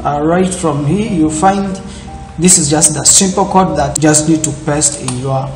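This tutorial host has a voice on the high side, speaking at a measured pace in a reverberant room while music plays underneath. He appears in a corner webcam indoors and guides viewers through a screen-recorded tech walkthrough, his phrasing loose, repetitive and heavy with fillers.

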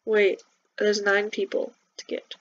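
Narrating her game, an excitable girl chats with her viewers in a casual let's-play style. Her medium-pitched voice runs a little slow. The lo-fi mic sounds dull and carries a faint hiss.

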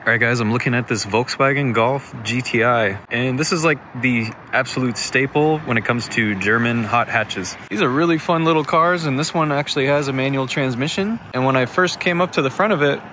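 Young guy vlogging on his phone, chatty and excited, faint noise behind. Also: mid-range voice, a little fast, few pauses. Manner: enthusiastic, chatty, thinking aloud. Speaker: vlog host. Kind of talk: casual walkaround vlog. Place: inside a parked car, then outdoors at an auction lot. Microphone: phone held at arm's length.

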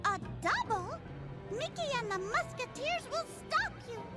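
A woman's voice: very high voice, very animated, a little slow, music in the background, exaggerated voice. An actress voicing a proud young mouse queen who speaks in a prim, dignified way in a game. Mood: regal.

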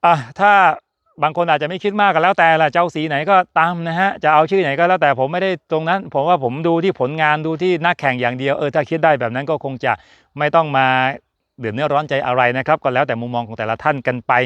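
Chatty man with a smooth dry voice. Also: on the high side, quick pace, a bit bright, no room sound, muffled recording. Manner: chatty, jokey, rambling with fillers. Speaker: F1 channel host. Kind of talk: casual chat to camera.

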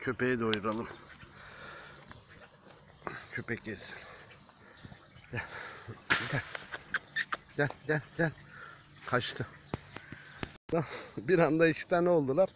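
A man filming a vlog outdoors, talking to his viewers and softly calling stray cats and dogs over. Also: mid-range voice, animated, takes it slowly, pauses often. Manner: coaxing animals with soft repeated calls. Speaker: vlogger feeding stray animals. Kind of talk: casual vlog talk to viewers. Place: outdoors by a building. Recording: faint outdoor noise. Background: faint outdoor ambience with animals and birds.

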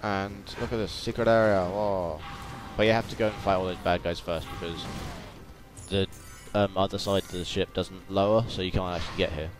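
Over video game music and sounds, with doubled game audio in the background, a young man narrates a let's play in a chatty, joking, casual way. His low-pitched voice stays steady in tone and moves a little fast; he makes gaming videos.

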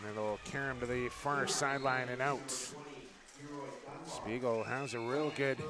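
Excited male lacrosse play-by-play caller. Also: mid-range voice, crowd noise. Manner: brisk, rising to excited calls on goals. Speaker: play-by-play commentator. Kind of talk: live sports commentary. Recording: noisy outdoor ambience behind the mic.

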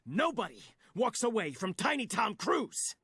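A pint-sized, pompous cartoon man. His voice is high, bright and very raspy. The sound is dry and close. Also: wildly swooping pitch, unhurried, no room sound, exaggerated voice. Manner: pompous and warning. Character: tiny, self-important grown man.

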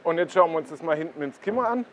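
A man explains things in a relaxed way outdoors beside a pond, his voice sitting a little high. He keeps pointing things out to the viewer as he goes. A faint outdoor hum runs behind him. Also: fast. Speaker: koi blog host. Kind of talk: casual on-site explanation.

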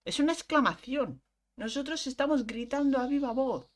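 A woman's voice: high-pitched, animated, normal speed. A young woman, chatting casually and thinking aloud as she explains quiz answers. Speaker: vlogger.

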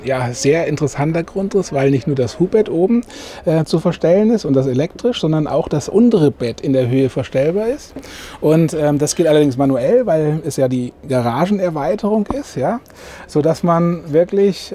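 At a trade fair, a middle-aged sales manager shows an interviewer around a camper van, pitching it with plenty of "ähm" fillers. He's recorded close up inside the van, and his voice is warm and expressive at a moderate pace.

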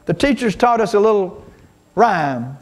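High-voiced preaching man, slow and emphatic. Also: animated. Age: older. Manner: preacherly, slow emphatic cadence with call-and-response. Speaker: pastor. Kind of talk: sermon.

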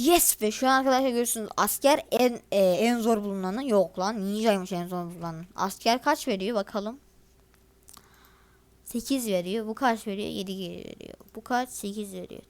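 The speaker is a teenage girl who creates gaming videos, casually talking over her play in a chatty, exasperated, grumbling way and addressing viewers directly. She has a mid-range, darkish-toned voice and speaks at a normal speed.

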